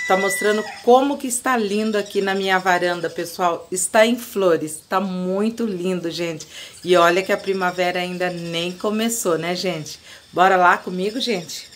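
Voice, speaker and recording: A woman's voice: lowish voice, normal speed, a little hiss or hum. A Brazilian woman hosting a gardening channel, chatting casually from her flower-filled home balcony and often calling out to her viewers. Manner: chatty, keeps addressing viewers as folks. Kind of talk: casual home video chat.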